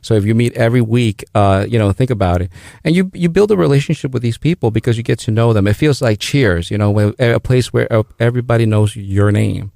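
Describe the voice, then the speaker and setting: Halting, gravelly middle-aged man. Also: mid-range voice, mellow, no room sound, clean studio sound. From El Salvador. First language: Spanish. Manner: halting, many restarts and fillers. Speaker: guest, business founder. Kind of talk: radio interview.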